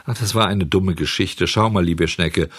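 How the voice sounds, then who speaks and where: A man's voice: deep voice, moderate pace, slightly rough, no room sound, clean studio sound. A man reading a storybook and voicing a naughty wooden puppet boy who pleads and grows impatient. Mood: pleading, impatient.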